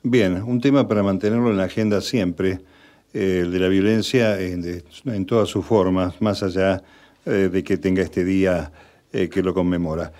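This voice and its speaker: Deep, dark-voiced Argentine radio host. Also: male voice. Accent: Argentine Spanish. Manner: relaxed, measured, with filler "este". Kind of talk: radio interview.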